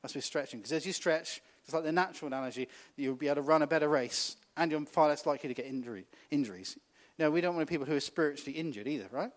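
A man's voice: fairly high pitch, racing. A man preaching a conversational sermon, often laughing and asking the congregation questions.

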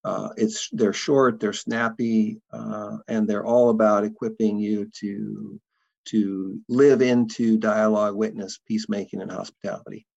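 A man speaking as an interview guest, talking thoughtfully and halting often with fillers. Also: on the low side, steady tone, gravelly, a little mellow, dull audio. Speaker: interview guest, documentary producer. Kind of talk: conversational interview.

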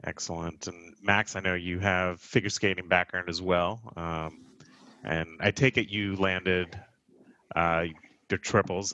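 A man's voice: low-pitched, pushed and bright, no room sound, lo-fi sound. A man hosting a casual skating talk show, speaking with many fillers and restarts. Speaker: podcast host. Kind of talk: casual chat.

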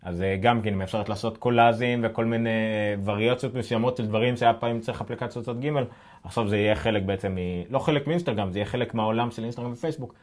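A man with an Israeli accent co-hosting a casual tech news chat, speaking haltingly as he searches for words. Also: fairly low pitch. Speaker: podcast co-host.

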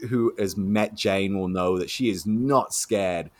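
Low-voiced man telling a story. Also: takes it slowly, no room sound. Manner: animated storyteller, acts out quoted voices. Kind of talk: storytelling conversation.

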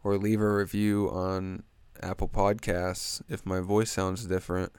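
Here the stuffy-nosed young podcast host talks alone, rambling, making crude jokes and veering off on tangents. He speaks low and a little slowly, with little pitch movement and a darkish, clean tone. There's no echo.

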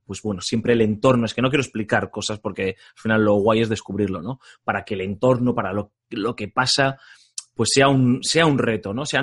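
A man's voice: medium pitch, breathy edge. Man, Castilian Spanish accent, mid-range voice, conversational game reviewer, frequent tag questions. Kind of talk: casual game review chat.

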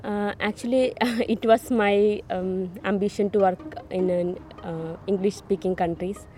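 A nurse from Kerala in India answering interview questions hesitantly, with many pauses and fillers. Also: female voice, medium pitch, steady tone, mellow.

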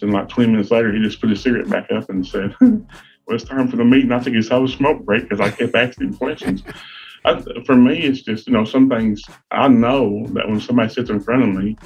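A man's voice: medium pitch, husky, lo-fi sound. A middle-aged man from Virginia, telling folksy, self-deprecating stories as a podcast co-host. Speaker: guest co-host, sales rep. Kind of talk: casual podcast chat.

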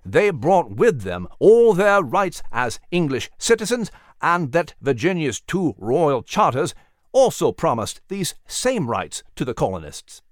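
A man voicing an anxious male companion who talks in a hoarse whisper. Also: a little high, big pitch swings, unhurried, no echo, studio quality. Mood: hushed.

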